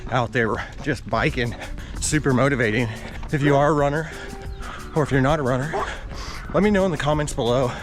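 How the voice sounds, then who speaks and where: A man chatting casually to viewers as a vlogger, talking while out running outdoors on an action camera. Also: mid-range voice. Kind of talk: casual vlog chat. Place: outdoors on roads by fields. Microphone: action camera carried while running.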